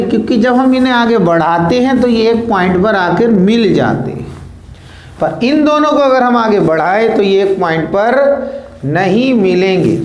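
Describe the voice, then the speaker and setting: A man with a very high voice explains physics at a board, asking the class questions and answering them himself. He repeats words as he traces lines. The sound is roomy and echoing. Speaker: physics teacher. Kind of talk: board lesson explaining step by step.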